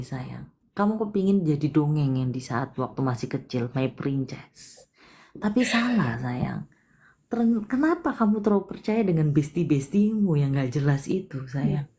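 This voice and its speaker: A woman's voice: low-pitched, a little mellow, a little hiss or hum. A woman hosting a live palm reading, talking soothingly and calling the caller dear. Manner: soothing, calls listener sayang often. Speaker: palm reader host. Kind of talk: live stream reading and consoling.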